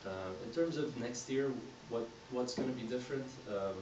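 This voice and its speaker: A man from Egypt giving a candidate speech to a community group, talking in a halting way with many fillers and restarts. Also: mid-range voice, highs cut off. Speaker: board candidate. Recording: roomy hall, mic at a distance, background noise.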